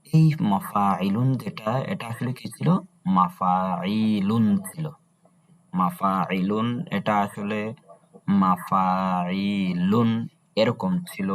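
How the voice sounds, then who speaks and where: A deep-voiced man with a Bangladeshi Bengali accent gives a lecture on Arabic meter. He keeps asking rhetorical questions and answering them himself. He chants the meter's syllables slowly and drawn out. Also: a bit bright. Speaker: Arabic prosody teacher. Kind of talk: classroom lecture.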